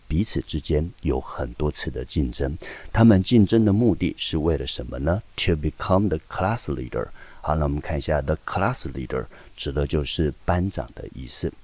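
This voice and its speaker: A man's voice: rumbling low, a little mellow, slightly rough. A man teaching English in Taiwanese-accented Mandarin, explaining step by step and answering his own questions. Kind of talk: recorded classroom lesson. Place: high school teaching video.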